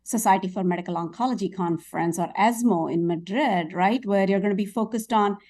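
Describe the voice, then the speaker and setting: A woman's voice: mid-range voice, brisk, darkish tone, distant mic. A woman hosting an interview show, effusive and chatty, with frequent fillers. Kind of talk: interview conversation.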